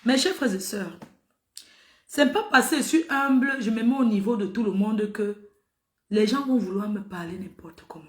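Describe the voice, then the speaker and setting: A woman's voice: on the high side, normal speed, roomy sound. A middle-aged woman telling a story to her viewers in a casual, emphatic way, repeating phrases for effect. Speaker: social media personality.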